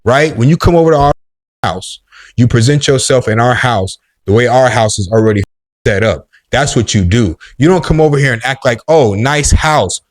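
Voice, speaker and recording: A man's voice: medium pitch, lively intonation, brisk. Indignant man ranting in commentary. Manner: indignant, repeating "right?". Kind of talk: heated opinion commentary.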